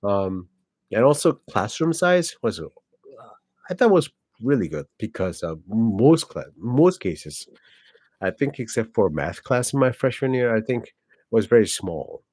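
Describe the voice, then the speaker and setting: A channel host from South Korea, a native Korean speaker in his forties with a Korean accent, speaks unhurriedly in a lowish, slightly mellow voice that's very animated. His personal vlog monologue is casual and rambling, full of fillers and self-corrections, and recorded without echo.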